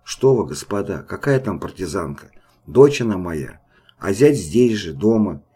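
A man's voice: sits low, lively intonation, a little slow, warm tone, slightly rough, heavily acted. A man doing a timid old peasant woman. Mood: pleading. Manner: timid, pleading.

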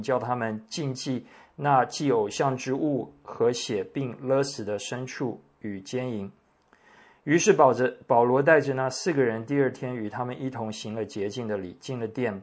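A man preaching a sermon, reading scripture in a measured, deliberate way with pauses. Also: mid-range voice. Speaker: pastor. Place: church meeting room.

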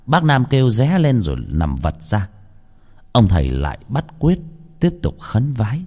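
A man narrating a ghost story in a measured, dramatic storytelling manner. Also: mid-range voice, huge pitch swings, warm tone. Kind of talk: scripted horror narration.

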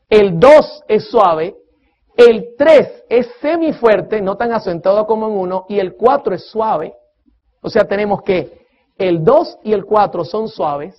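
A man preaching a sermon-style lecture on music, emphatic, asking his listeners questions and counting beats aloud. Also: high-pitched. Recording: dull lo-fi recording.

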